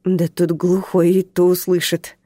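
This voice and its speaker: A woman's voice: medium pitch, animated, normal speed, darkish tone, no echo, close to an everyday voice. Woman doing a scruffy grumpy guy, grumbles every line, dry close sound. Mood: grumbling. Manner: grumbling, weary. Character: shabby grumbling barefoot man in sandals.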